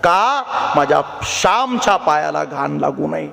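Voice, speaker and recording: A man's voice: a little high, lively intonation, a little slow, vocal fry, a bit bright, full character voice. A man voicing a loving village mother who tenderly counsels her small son and keeps calling his name. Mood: tender pleading. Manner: tender, pleading, repeats the son's name. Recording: long reverberant hall.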